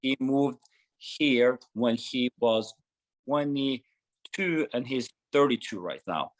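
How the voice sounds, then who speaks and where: A man's voice: mid-range voice, animated, slow pace, rough recording. A man in his thirties who grew up in Norway answers interview questions in his mid-range voice. He speaks earnestly and often restarts his sentences as he goes. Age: 30s. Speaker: gym founder, guest.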